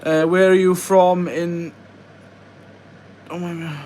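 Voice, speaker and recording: A young West Welsh man with a high, fairly monotone voice and a darkish tone speaks slowly on a casual live stream. Working at an indoor bench on a model farm, he reads viewer questions aloud and mutters to himself.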